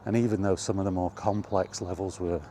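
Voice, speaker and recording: Fairly quick and warm, the low-pitched voice of a middle-aged vlogger holds a steady tone as he reminisces about retro gaming. His personal gaming vlog has an informal, rambling feel, and there's slight background noise.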